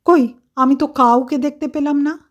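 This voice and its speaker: A woman's voice: sits high, steady tone, normal speed, voice pushed up, lightly acted. A woman voicing a skeptical young man who insists in a raised voice, in a devotional story. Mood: insistent. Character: skeptical young man, stubborn then awed.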